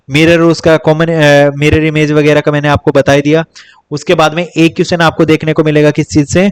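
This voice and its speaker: A young man teaching exam topics in a casual lecture, repeating points and calling viewers "bhai" as he lists and counts. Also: fairly high pitch. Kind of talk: casual Hindi-English exam coaching lecture.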